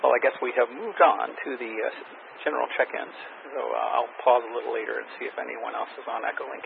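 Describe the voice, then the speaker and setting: A man with a gravelly, fry-edged voice calls the roll of a radio net. His call signs come out slow and spelled phonetically. The sound is thin and narrow like a radio transmission, with a faint hiss of static. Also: medium pitch, fairly even intonation. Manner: reads call signs slowly in phonetic alphabet, orderly. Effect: heard over a two-way radio with static. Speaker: amateur radio net control operator. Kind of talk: running a ham radio check-in net.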